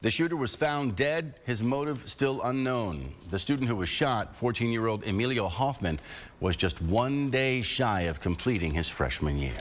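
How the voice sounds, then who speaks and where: Lively American male news anchor. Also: medium pitch, moderate pace. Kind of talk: scripted news reading.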